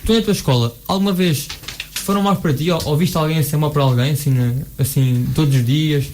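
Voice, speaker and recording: A man's voice: on the high side, brisk, darkish tone, a little hiss or hum. A young man with a European Portuguese accent hosting a student talk show in an informal, repetitive conversational way. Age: young adult. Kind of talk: casual conversation.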